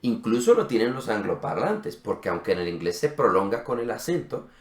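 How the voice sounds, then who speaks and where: A man co-hosting a language lesson, explaining step by step in casual conversation and often checking in with a quick question. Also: fairly low pitch, very animated. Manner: methodical, checks in with frequent "¿sí?". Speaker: co-host of a language channel. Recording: roomy echo.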